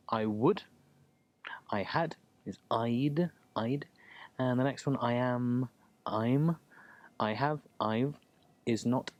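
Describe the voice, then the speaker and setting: Speaking in a mid-range voice, a man teaches English from a textbook. He explains things calmly and says words again so students can practice how they sound.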